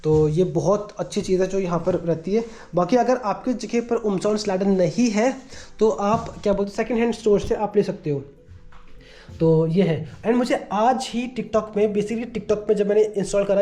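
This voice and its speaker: A man's voice: sits high, dark tone. A man from India chatting casually in a home vlog, rambling and leaning on a habitual filler phrase. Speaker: vlogger.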